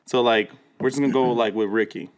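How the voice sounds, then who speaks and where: A man's voice: medium pitch, fairly even intonation, brisk. Laid-back young man hosting a podcast. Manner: laid-back, hesitant, many fillers and restarts. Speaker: podcast host and pastor. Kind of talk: casual chat. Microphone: studio microphone.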